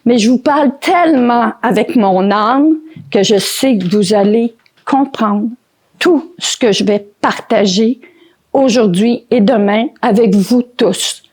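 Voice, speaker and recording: A woman's voice: fairly high pitch, a little mellow, slightly rough. An older woman with a Québécois French accent, giving an earnest inspirational talk to a live group and speaking directly to her audience. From Quebec. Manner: unhurried, earnest, addresses the audience directly with emphatic repetition. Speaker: conference speaker and author. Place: conference in France.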